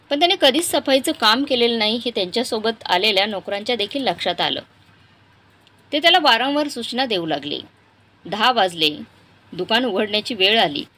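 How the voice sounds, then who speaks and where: A woman narrates a moral story in a steady, expressive way. Her voice sits fairly high, and her tone is bright.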